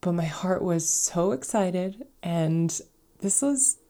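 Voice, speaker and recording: A woman's voice: fairly low pitch, expressive, takes it slowly. A woman hosting a casual personal storytelling podcast, sounding stuffy and congested from a cold, chatty and easygoing. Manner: chatty, easygoing, with soft laughs and fillers. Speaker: podcast host.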